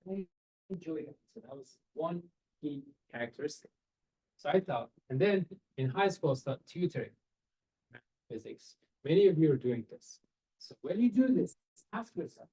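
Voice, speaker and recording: Over a webcam on a video call, a man from Iran offers students earnest, direct career guidance in a seminar, using rhetorical questions and non-native phrasing. He speaks on the high side in a mellow, husky voice, and the recording is rough.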